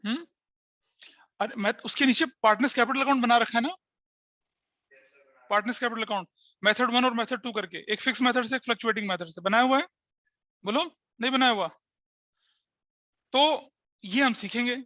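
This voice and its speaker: Bright-voiced male teacher, dry lo-fi. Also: very high-pitched, normal speed, pauses often, no echo. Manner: explains step by step with frequent checking questions to students; mixes Hindi with English terms. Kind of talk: classroom lecture. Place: classroom with online students.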